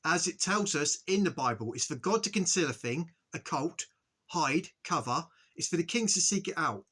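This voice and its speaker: A man giving an earnest, halting spiritual monologue to his viewers, often stopping to ask "okay?" and restarting his sentences. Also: a little high, lively intonation, pushed and bright, husky. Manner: earnest, repetitive, frequent "okay?" check-ins. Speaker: spiritual video host.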